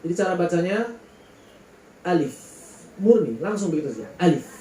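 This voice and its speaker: Male recitation teacher, high mellow voice, patient and drawn-out, echoey room with faint hum. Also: lively intonation. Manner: patient, drawn-out explanations with sung letter names. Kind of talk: Quran recitation lesson.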